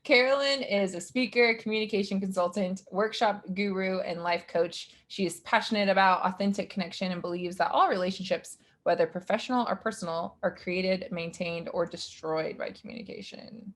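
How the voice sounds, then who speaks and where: A woman's voice: medium pitch, normal speed, hardly any pauses. A woman in her twenties from Utah, a grad student hosting a podcast, chatty and gushing toward her guest. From Utah, United States. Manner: warm, gushing, chatty with fillers. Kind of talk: casual podcast interview.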